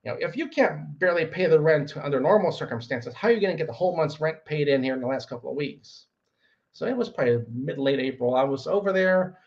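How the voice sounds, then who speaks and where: A middle-aged man telling a rambling landlord story, acting out quotes in sudden shouts. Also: a little high, lively intonation, fast, dull audio. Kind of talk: casual storytelling vlog.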